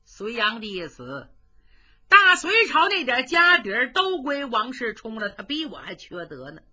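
A sly young general full of swagger, as a woman storyteller puts him on, jumping from high boasts to low sneers with a lively bright edge. The sound is dull and a little lo-fi. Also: soft background music, full character voice. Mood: persuasive. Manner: cocky, taunting, quick-talking.

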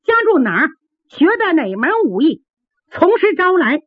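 A woman doing a shrill, bossy palace maid. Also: very animated, normal speed, dry recording. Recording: dry, tinny phone-like sound.

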